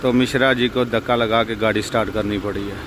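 Young male vlogger, low even voice, phone mic outdoors, street noise behind. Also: quick pace. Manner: casual, showing things to the viewer. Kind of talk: casual vlog narration. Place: outdoors at night by a roadside.

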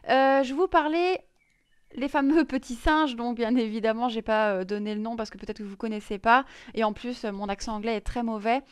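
A woman's voice: on the high side, fairly even intonation, fairly quick, smooth, no echo, studio quality. A woman presenting crypto news in a casual screen-share explainer, chatty and full of hesitations. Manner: many fillers and restarts, chatty.

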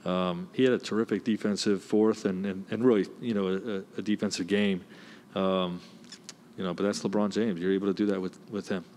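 A man in his forties, a basketball head coach, answering press questions in a measured way with many "you know" fillers, on a desk mic in a press room. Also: deep voice, fairly even intonation, darkish tone, slight background noise. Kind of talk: postgame press conference answers. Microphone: desk mic, close.

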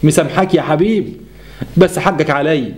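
A man's voice: a little high, fairly quick, a little mellow, voice pushed down, close to an everyday voice. A man voicing an old widowed mother with an Egyptian accent, meek and pleading. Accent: Egyptian Arabic. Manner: pleading, self-effacing.

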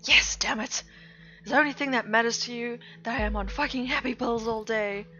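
A woman's voice: fairly low pitch, normal speed, pushed and bright. A woman voicing a bitter, sarcastic young woman who snaps at her partner, her delivery raised and emphatic, on a slightly dull recording with faint music. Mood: furious.

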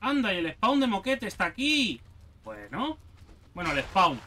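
A man giving casual gameplay commentary, excitable and sarcastic, swearing often. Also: sits high, measured pace, a little hiss or hum. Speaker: gaming youtuber.

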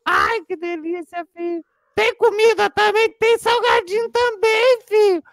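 A woman's voice: very high-pitched, a little slow, dry recording, clean studio sound. A woman voicing a chatty, greedy, dramatic old grandmother with a Brazilian accent, who ends nearly every sentence with "filho". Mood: fussing. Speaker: family channel player. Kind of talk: gameplay role-play.

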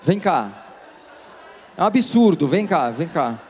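A man hosting a live comedy hypnosis show, loud, swearing and calling out to the audience on stage. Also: a little high, sing-song, takes it slowly. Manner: loud, swearing, calls out to the crowd. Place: theater stage. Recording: echoey theater with faint noise.

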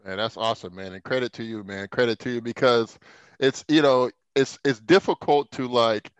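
A man's voice: mid-range voice, fairly even intonation, normal speed, smooth, no echo, low-quality recording. A man hosting a podcast interview, casual and encouraging, often calling his guest "man". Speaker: podcast host.

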